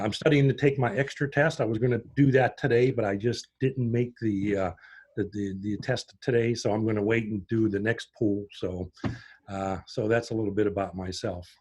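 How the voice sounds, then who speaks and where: A man's voice: lowish voice, steady tone, moderate pace, darkish tone, breathy edge. A middle-aged man from Pittsburgh introducing himself on a video call, chatty and rambling as he tells his story. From Pittsburgh, USA. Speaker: prospective club member.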